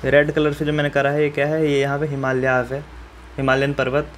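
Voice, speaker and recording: A man's voice: medium pitch, completely flat delivery, a little fast, a little hiss or hum. A man teaching students step by step how to fill in a map, in a friendly and reassuring way, often asking viewers questions. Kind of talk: map-filling lesson for school students.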